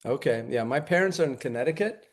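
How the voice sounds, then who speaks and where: A man's voice: medium pitch, lively intonation, quick pace. A man from New York as a podcast guest, chatting casually and telling anecdotes.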